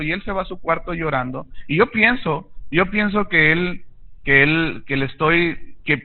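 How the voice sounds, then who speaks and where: Man, pastor, earnest sermon, calls the congregation to repeat lines, lo-fi narrow recording. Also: a little high. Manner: earnest preaching with call-and-response. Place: church. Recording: tinny phone-like audio.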